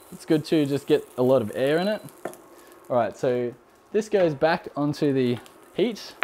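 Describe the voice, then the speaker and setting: A young Australian man with a mild accent and a fairly high voice hosts a live cooking stream, answering viewer questions in a loose, rambling, relaxed way. He says "um" a lot and laughs often, and there's slight background noise.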